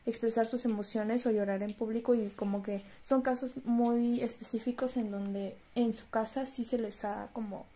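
A woman with a slightly high voice. She co-hosts a casual podcast chat and often chimes in to agree. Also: fairly even intonation, moderate pace, hardly any pauses, warm tone. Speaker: podcast co-host. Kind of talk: casual conversation.

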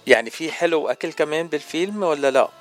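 A man's voice: on the high side, fast, faint music behind. A man hosting a casual radio interview, easygoing and teasing. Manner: easygoing, teasing, laughs often. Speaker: radio host.

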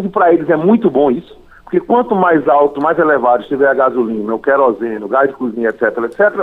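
A Brazilian man calling into a radio show over the phone, speaking in a formal, measured way and listing points one by one. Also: on the high side. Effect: phone-line call into a radio show. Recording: tinny phone line.

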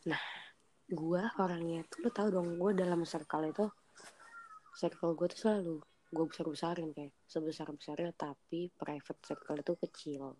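Valley-girl young woman, mellow and low-pitched. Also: fairly even intonation, moderate pace, no room sound. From Medan, Indonesia. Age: young adult. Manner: valley-girl talk, mixing English "like, literally" into slang. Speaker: podcast guest. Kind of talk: casual chat. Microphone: online call. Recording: noisy online call, clicks.

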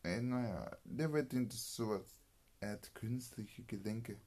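A man telling a made-up story off the cuff, halting and correcting himself as he goes. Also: on the low side, darkish tone. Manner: halting, with restarts and self-corrections. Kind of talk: improvised spoken story with character voices.

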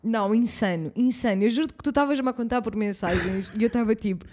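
A woman's voice: a little high, quick pace. A woman with a European Portuguese accent, co-hosting a casual chat and reacting with shock to a friend's story. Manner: animated, reacting with shock, mixing in English slang.

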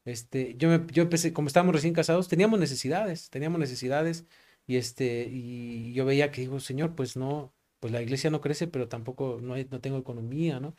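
A young man with a Mexican accent and a medium-pitched, slightly mellow voice speaks fairly quickly. He is a pastor giving an earnest testimony in an interview, full of fillers like "este" and "¿no?", and he acts out both sides of dialogues he remembers.

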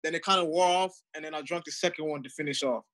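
A man's voice: fairly high pitch, fast, a bit bright. A young man co-hosting a casual podcast chat, telling a story with laughter and acting out what others said. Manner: laughing storyteller who acts out quotes. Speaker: podcast co-host.

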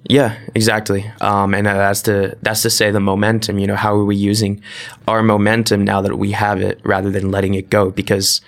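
Reflective low-voiced male co-host. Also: monotone, normal speed. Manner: reflective, speaks in loose rambling sentences. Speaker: podcast co-host. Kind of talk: casual chat.

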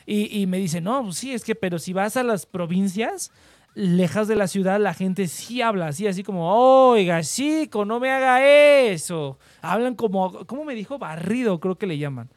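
A man's voice: sits high, moderate pace, a little mellow, no room sound, studio quality. A young man with a Mexican accent, chatting casually with friends in a slangy, laid-back way, telling stories.

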